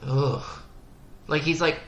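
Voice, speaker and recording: A woman with a strikingly low voice chats loosely and swears freely as a podcast co-host. The room sounds roomy, with a faint hiss underneath. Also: slow pace. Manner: loose and profane, laughs easily. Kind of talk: casual chat.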